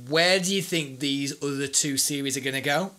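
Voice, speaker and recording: A man co-hosting a casual pop-culture podcast, excitable, laughing often and talking in quick bursts. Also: mid-range voice. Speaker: podcast co-host. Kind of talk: casual chat.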